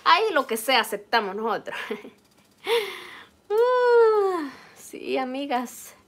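A woman's voice: high-pitched, very animated, slow. A Salvadoran woman with a homely, talkative manner, cooking at home and chatting to her viewers. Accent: Salvadoran Spanish. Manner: homely, talkative, addresses viewers warmly as "usted". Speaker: cooking vlogger. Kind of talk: chatty live cooking stream. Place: home kitchen. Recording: clatter of pots and utensils.

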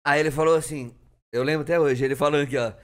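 Brief: young guy, somewhat high voice, lively storyteller who acts out every quote. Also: very fast. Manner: animated, acts out quotes, laughs often. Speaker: podcast cast member. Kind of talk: casual storytelling chat.

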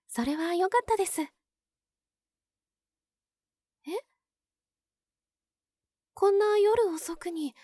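A woman voicing a pure young nun who is sweetly possessive and obsessive, in a soft, polite ASMR role-play. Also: extremely high pitch, no echo, studio quality. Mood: sweet, demure. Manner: polite, soft, demure, lingering pauses.

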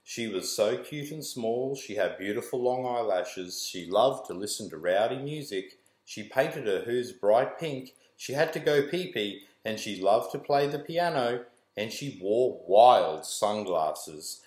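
Reading to children in a small room with bare walls, this forties-aged school staff member delivers a rhyming picture book in a sing-song rhythm. His lowish, slightly mellow voice is animated and unhurried, with hardly any pauses. The recording carries a roomy indoor echo.

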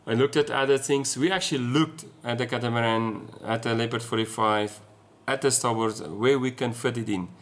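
A man in his forties speaks English with an Afrikaans South African accent. He has a medium-pitched voice and chats in an informal, explanatory way, as a vlogger does to his viewers. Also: steady tone, moderate pace, hardly any pauses. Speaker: sailing vlogger. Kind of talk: casual explanatory chat to camera. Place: small room at home, indoors.

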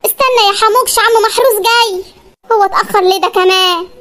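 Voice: very high voice, quick pace, sharp tone. A voice actor playing a bossy, scatterbrained cartoon housewife with an Egyptian accent, scolding and exclaiming. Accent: Egyptian Arabic. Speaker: cartoon wife. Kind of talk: comedy cartoon voice acting.

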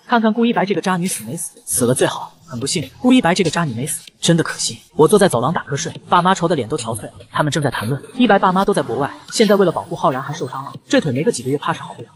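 A man narrating a novel in first person, scripted, with a cold and sardonic telling. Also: fairly high pitch. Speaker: storyteller.

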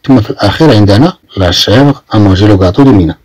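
A man from Morocco with a Moroccan Arabic accent, teaching French vocabulary and repeating each phrase slowly before translating it. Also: fairly low pitch, lively intonation, darkish tone, no room sound. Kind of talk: explaining vocabulary in a lesson.

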